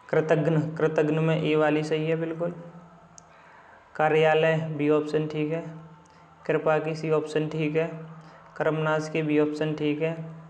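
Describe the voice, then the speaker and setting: Here the Hindi exam tutor, his voice a little high and a little mellow, sits in an echoey room. He walks through a book's spelling questions, repeating each word many times between casual asides.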